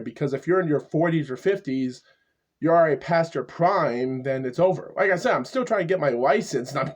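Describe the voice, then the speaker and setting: A man in his twenties talking to the camera in a casual vlog monologue, halting and repetitive, stuttering often. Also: on the high side. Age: 20s. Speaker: YouTuber. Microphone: camera mic.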